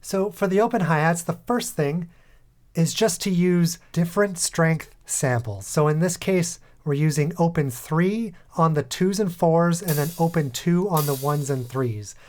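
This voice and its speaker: A man hosting a music production tutorial, calmly talking through each step in a voice-over. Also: fairly high pitch, a little slow. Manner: calm, methodical step-by-step explaining. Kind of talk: tutorial voice-over over a screen recording.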